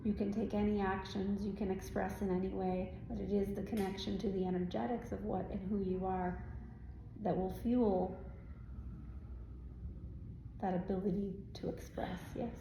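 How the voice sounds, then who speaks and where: Speaking in a medium-pitched, gravelly voice close to an everyday one, a trance medium answers audience questions at an indoor live event, her level tone at normal speed. She channels a serene, instructive spirit guide whose stilted formal phrasing is full of questioning tags. The room sound is live and roomy, with faint noise.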